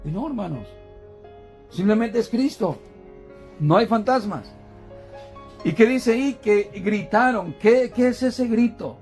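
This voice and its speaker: A man's voice: high-pitched, animated, unhurried, pauses often, a little mellow, soft background music. A man preaching a sermon in a church, asking the congregation questions and calling them brothers, often repeating and restarting words as he teaches.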